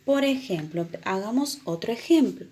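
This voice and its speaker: A woman teaching children the sounds of a letter, explaining patiently and repeating example words slowly. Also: a little high, lively intonation, mellow. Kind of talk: children's reading lesson.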